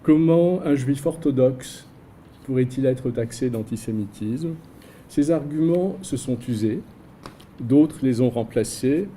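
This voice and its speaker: Man, academic lecture, measured delivery, rhetorical questions, dark mellow tone, faint background hum. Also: medium pitch, low-quality recording. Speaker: invited researcher giving a lecture. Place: seminar room.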